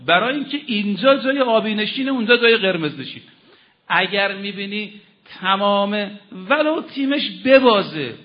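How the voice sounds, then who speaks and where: A man preacher giving a sermon from the pulpit, telling stories dramatically with sudden rises and drops in his voice. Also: sits high. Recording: slightly dull lo-fi audio.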